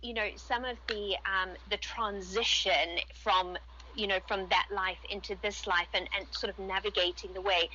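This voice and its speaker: A woman from Zimbabwe speaking as a radio guest, hesitant and pausing as she searches for words. Her voice is bright and forceful at a middle pitch, heard through a muffled, lo-fi recording. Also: steady tone, a little hiss or hum. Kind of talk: casual radio interview.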